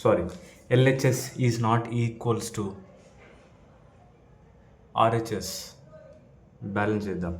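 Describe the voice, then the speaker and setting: A man's voice: lowish voice, slow pace, long pauses. Chatty man vlogging in an echoey room. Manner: chatty, joking asides to camera. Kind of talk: casual vlog chat. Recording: echoey room, faint background noise.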